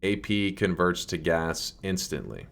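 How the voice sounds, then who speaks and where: A man streaming live gameplay on a headset mic, thinking out loud and swearing casually. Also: low-pitched, big pitch swings, measured pace, gravelly.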